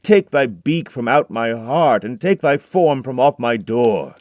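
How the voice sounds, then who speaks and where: A man voice acting a grieving, haunted man in an audio drama, reading dramatic verse that swings from hushed brooding to loud, pleading outbursts. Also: mid-range voice, expressive, measured pace, no echo, clean studio sound, lightly acted. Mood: anguished.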